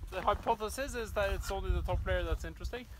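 A man in his thirties from Norway explains a snow test with calm, methodical care. His voice sits fairly high. He is outdoors on a mountain slope, and plenty of outdoor noise is heard around him. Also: quick pace. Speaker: ski guide digging a snow pit. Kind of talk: casual explanation while working.

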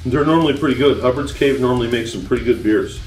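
A man's voice: medium pitch, quick pace, roomy sound, far from the mic, soft background music. A man in a casual roundtable beer review who jokes and readily agrees with the others.

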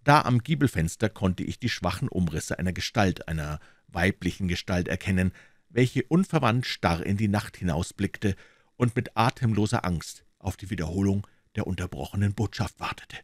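Man, very low voice, dry close sound, calm audiobook narration. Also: moderate pace, no echo. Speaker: audiobook reader. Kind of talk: scripted narration of a classic detective story.

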